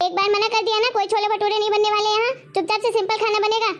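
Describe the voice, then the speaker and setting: A woman's voice: very high voice, flat delivery, quick pace, crowd noise. A woman playing a harsh, stingy mother-in-law who scolds and taunts her daughter-in-law in a homemade family drama. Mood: scolding. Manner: scolding, taunting, repeats demands. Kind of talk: homemade web-drama acting.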